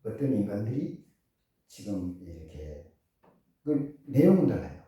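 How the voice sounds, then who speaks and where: A man's voice: on the low side, big pitch swings, measured pace, dark tone. A man preaching a sermon, full of rhetorical questions to the congregation. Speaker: pastor. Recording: echoey church hall from far off.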